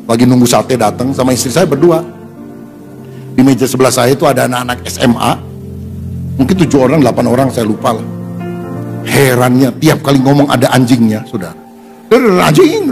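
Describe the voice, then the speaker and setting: A man, a pastor preaching a sermon in a lively way, putting on voices for the people in his stories. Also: medium pitch. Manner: animated, acts out quotes in changing tones.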